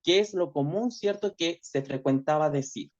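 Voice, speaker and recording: Male teacher, online class lecture, high-ish voice, reflective, constant tag questions, dull lo-fi call audio. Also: moderate pace, a little mellow.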